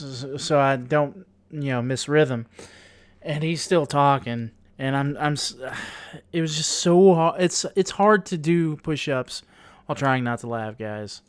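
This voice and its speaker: A man telling a story on his vlog, halting and amused, laughing at himself as he goes. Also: a little high, clean tone, no room sound. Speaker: YouTuber.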